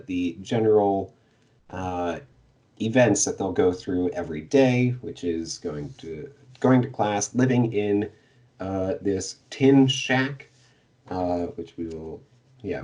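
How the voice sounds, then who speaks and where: A man's voice: sits low, warm tone. A man co-hosting a podcast, summing up a book's plot in casual chat, hesitant with many fillers and little laughs. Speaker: podcast co-host giving the plot summary.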